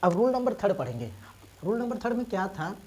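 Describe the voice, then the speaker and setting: A woman teacher who is unwell and coughs now and then, explaining reading rules step by step, spelling letters out slowly and asking and answering her own questions. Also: medium pitch, big pitch swings, a little mellow, low-quality recording. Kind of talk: English reading lesson taught in Hindi.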